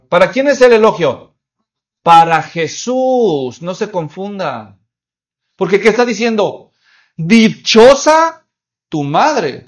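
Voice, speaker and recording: A man preaching an expository sermon in a fairly high voice. He asks the congregation questions and answers them himself, and acts out little scenes with quoted voices. The recording sounds slightly dull and muffled. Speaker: pastor.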